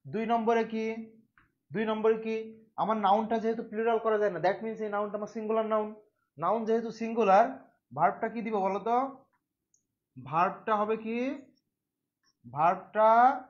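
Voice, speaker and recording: High-voiced man teaching grammar, lo-fi. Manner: repeats questions to students, drills answers. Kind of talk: casual classroom lecture. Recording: dull lo-fi sound.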